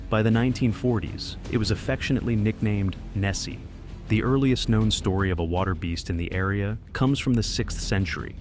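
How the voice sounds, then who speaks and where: Low-pitched male nature documentary narrator. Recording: music behind the voice. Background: background music.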